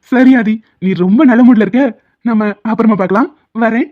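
A woman voicing an easygoing, joking brother-in-law in an animated series. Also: on the high side, measured pace. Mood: jokey. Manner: easygoing, jokey. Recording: phone-like lo-fi sound, faint music.

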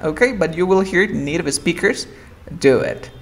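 A man teaching an English pronunciation lesson, explaining patiently and repeating example words slowly and with emphasis. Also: a little high, expressive, vocal fry, a little hiss or hum.

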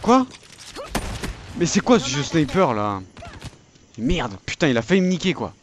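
A man's voice: a little high, big pitch swings, unhurried. A young man giving live gameplay commentary as an exasperated, swearing, raging gamer. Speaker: gamer recording gameplay for viewers. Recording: noisy, game gunfire behind the voice. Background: shooter game gunfire and clicks.

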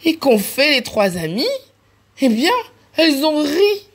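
Woman, library storyteller, expressive children's-book reading, slow and full of pitch play. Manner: animated, acts out laughs and cries.

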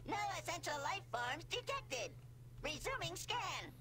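A woman voicing a calm, machine-like female custodian in a video game, speaking like a measured ship computer reading out procedures. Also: very high-pitched, background noise, full character voice.

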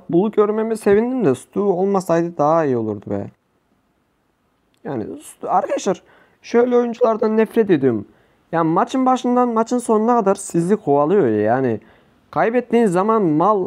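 A young man commentating his own gameplay for viewers, frustrated and swearing often at other players. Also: high voice. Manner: frustrated, swears a lot, shouts at opponents. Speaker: gaming YouTuber.

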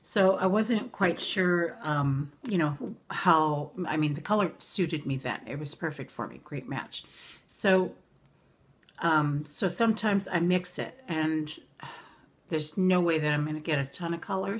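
A woman's voice: low voice, measured pace. A woman in her forties chatting casually about makeup in a rambling way, full of ums and self-corrections, recorded on a camera in her bedroom. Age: 40s. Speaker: beauty vlogger. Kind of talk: casual makeup review vlog. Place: bedroom at home.

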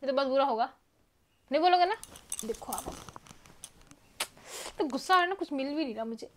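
A woman's voice: high-pitched, lively intonation, brisk, noisy background. A woman pleading with and scolding her husband in a casual home vlog, coaxing him to talk. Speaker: wife being pranked.

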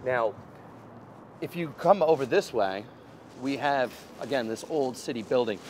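This guide, a man in his thirties, narrates history on an outdoor walking tour beside a prison wall in the city, filling his casual story with fillers and restarts. He speaks a little slowly in an expressive, medium-pitched voice with a darkish tone, over the sound of traffic.

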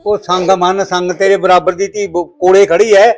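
A man's voice: high-pitched, level tone, moderate pace. An actor playing a wronged father who scolds his wife and preaches old sayings. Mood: reproachful. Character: wronged father, stern and moralizing. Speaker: actor in a short film. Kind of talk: village family drama acting.

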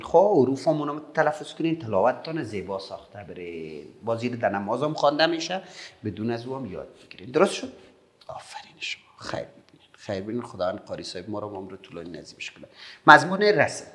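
A middle-aged man with an Afghan Dari accent, teaching young children patiently, repeating slowly and praising often. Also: medium pitch, big pitch swings, a bit bright. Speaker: primary school teacher.

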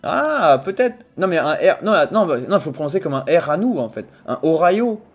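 A man's voice: fairly high pitch, sing-song, brisk. A man hosting a casual livestream chat, playful and jokey, swearing freely and breaking into theatrical mock laments. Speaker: streamer host.

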